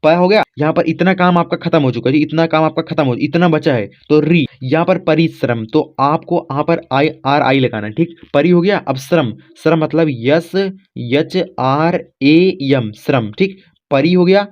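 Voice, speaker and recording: A man's voice: on the high side, normal speed. A man teaching in a casual classroom way, spelling letters aloud step by step and checking in often with the viewers. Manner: addresses viewers as friends, informal. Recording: dull lo-fi recording.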